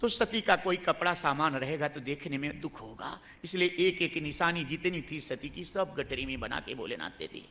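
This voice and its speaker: A male preacher telling a devotional story in an animated discourse. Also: on the high side, normal speed, hardly any pauses, slight background noise.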